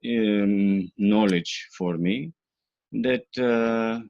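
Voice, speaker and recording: A man's voice: on the low side, extremely slow, a little mellow, dry recording. A man from Bulgaria answering interview questions, hesitant, with many fillers. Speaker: interview guest. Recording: dull lo-fi dry sound.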